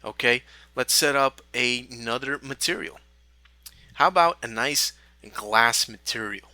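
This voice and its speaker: Guy narrating a software tutorial, chill step by step, super bright voice, dead dry mic. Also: medium pitch, a little slow, no echo. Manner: relaxed step-by-step explaining with fillers. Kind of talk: screen-recorded software tutorial.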